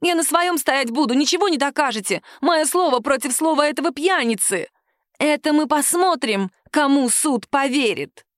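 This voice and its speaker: A woman acts out a lying woman under questioning, her voice shrill and screeching. She protests hysterically, pitched very high with wild swings. The sound is dry and close. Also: lively intonation, normal speed, no room sound. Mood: shrill defiant. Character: shrill lying middle-aged woman suspect.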